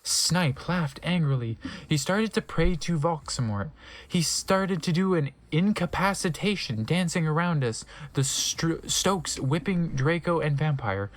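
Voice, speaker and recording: A man with a fairly high, unhurried voice gives a theatrical, exaggerated comedic dramatic reading of fan fiction. Now and then he breaks off to react.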